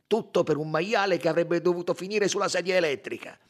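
A man voicing a loud, defensive Italian chauffeur in an audiobook, blustering and emphatic. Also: high voice, pitched above the performer's own voice, lightly acted. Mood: protesting. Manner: blustering, emphatic, quick to protest. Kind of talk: audiobook character reading.

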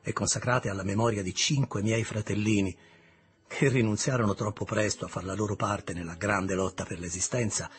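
A man narrating an audiobook in a measured, deliberate reading style, with a husky voice. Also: on the low side. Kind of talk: scripted literary narration.

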